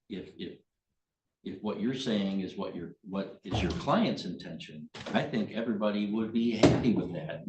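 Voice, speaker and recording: Halting male judge in an echoey room. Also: lowish voice, a little mellow, dull audio. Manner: halting, restarting phrases. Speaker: judge presiding over a hearing. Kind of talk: courtroom remarks from the bench. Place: courtroom. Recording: roomy, echoey courtroom with noise and clicks.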